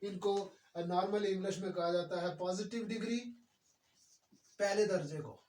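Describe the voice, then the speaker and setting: A man teaching a grammar lesson, explaining slowly and repeating words. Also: high voice, darkish tone, recorded from a distance.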